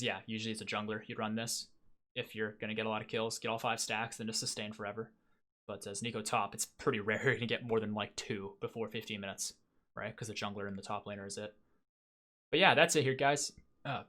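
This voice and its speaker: Fast-talking bright young male gamer. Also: medium pitch. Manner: chatty, self-critical, lots of fillers. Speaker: gaming video host. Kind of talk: casual post-game commentary.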